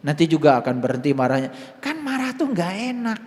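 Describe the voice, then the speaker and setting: A man's voice: fairly high pitch, big pitch swings, brisk. Sundanese-accented man teaching in a reverberant hall. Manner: conversational, shifts between soft murmurs and loud emphatic stresses. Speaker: Islamic spiritual teacher. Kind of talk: informal spiritual sermon.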